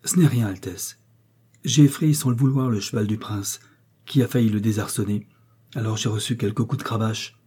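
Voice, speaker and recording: A man's voice: fairly low pitch, normal speed, slightly rough. A man as a resigned forest guard. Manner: quiet, resigned.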